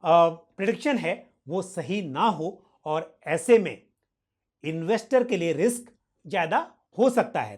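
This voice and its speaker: With a high-pitched voice that has a darkish, slightly rough tone, a male host works through a financial question-and-answer session. He explains formally and politely, using English financial terminology along the way.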